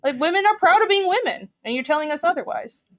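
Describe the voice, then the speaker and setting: A woman's voice: very high voice, expressive, fast talker. A young woman from Taiwan, a guest on a casual podcast chat, talking earnestly and opinionatedly in long run-on thoughts.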